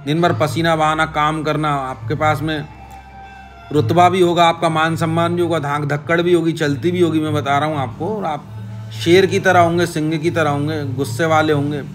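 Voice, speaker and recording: A man's voice: fairly high pitch, flat delivery, moderate pace, soft background music. A man hosting an astrology talk, addressing the viewer directly, repeating short advice phrases and checking in with "okay?". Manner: repetitive, direct address to viewer with frequent "ठीक है?". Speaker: astrology channel host. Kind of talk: casual astrology explainer.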